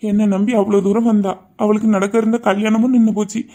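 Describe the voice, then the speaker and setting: A man's voice: high-pitched, level tone, fast talker, warm tone. A man playing an earnest young son who pleads on behalf of the woman he loves.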